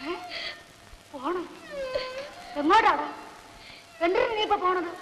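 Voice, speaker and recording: A woman's voice: extremely high pitch, a little slow, a bit bright, lo-fi sound. An actress playing a motherly older woman who comforts a crying young woman. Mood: questioning. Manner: soothing, concerned. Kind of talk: 1960s Malayalam film acting. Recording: old film soundtrack with music.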